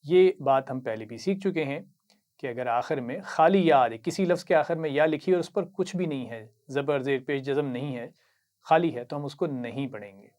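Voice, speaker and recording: A man with an Urdu accent teaching Quran reading, patiently explaining each word, reciting it slowly and praising the learner. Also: medium pitch, a little mellow. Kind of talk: slow instructional lesson.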